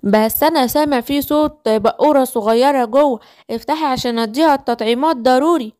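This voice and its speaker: A woman with an Egyptian Arabic accent voicing an insistent male vaccination doctor in a children's cartoon story, in a lowered, businesslike voice. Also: quick pace, dark tone, close to an everyday voice.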